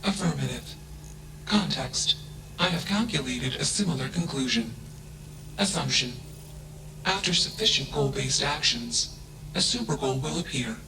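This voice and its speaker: A man voicing an emotionless, coldly logical male AI machine in a video game. He speaks flatly and announces each thought with a one-word label. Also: medium pitch, a little slow, gravelly, long pauses, noisy background.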